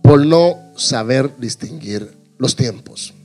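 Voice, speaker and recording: A man preaching a humorous sermon to his congregation, animated and jokey, acting out little scenes. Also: mid-range voice, takes it slowly, soft background music. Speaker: pastor.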